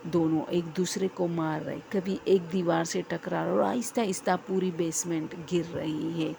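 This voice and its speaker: A woman narrating a horror story in a calm, even storytelling manner. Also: fairly low pitch, creaky, background noise.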